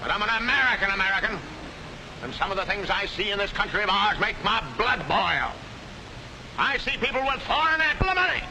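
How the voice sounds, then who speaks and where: An actor in a 1940s film playing a fiery, hectoring street-corner agitator, on a noisy old soundtrack. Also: male voice, sits high, expressive, a little fast, pushed and bright, heavily acted. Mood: ranting. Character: ranting bigoted male rabble-rouser, middle-aged.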